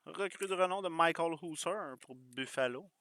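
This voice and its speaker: A man's voice: fairly high pitch, bright, forceful tone, no room sound. A man with a Quebec French accent hosting a live hockey card break, reading out cards and joking with viewers. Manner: quick, joking, chatty with viewers.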